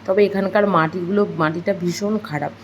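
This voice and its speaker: A woman's voice: fairly low pitch, steady tone, fairly quick, slight background noise, rough recording. A young woman with a Bengali accent, narrating her daily homemaking vlog in a chatty, rambling way full of fillers. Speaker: homemaker vlogger.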